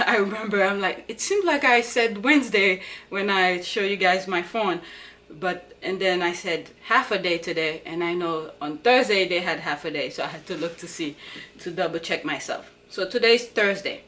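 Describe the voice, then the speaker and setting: A woman's voice: on the low side, normal speed, a bit bright. A woman in her thirties chatting casually in a diary vlog about her day with her kids, rambling and correcting herself as she goes. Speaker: vlogger and mother.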